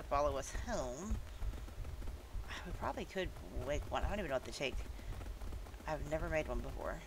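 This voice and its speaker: Woman doing a chatty lets play, bright voice, bounces all over in pitch, bosses her pets around. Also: a little hiss or hum, rough recording. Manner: chatty, scolds and coaxes her game animals. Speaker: gameplay streamer. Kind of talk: casual let's-play commentary.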